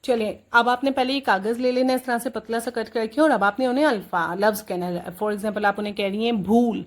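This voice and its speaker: Woman, homeschooling parent teaching a lesson, voice slightly high, checks in often, repeats words slowly. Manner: checks in often with a rising question; says sample words slowly and with force, repeating them. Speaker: homeschooling mom teaching Urdu writing. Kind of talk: instructional tutorial addressing parents.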